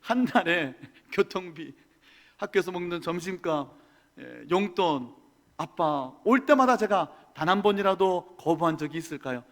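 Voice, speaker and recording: High-voiced male pastor preaching dramatically. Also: lively intonation, moderate pace. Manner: dramatic, swings from hushed to loud. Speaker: senior pastor. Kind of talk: sermon. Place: church sanctuary. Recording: church hall with long reverb.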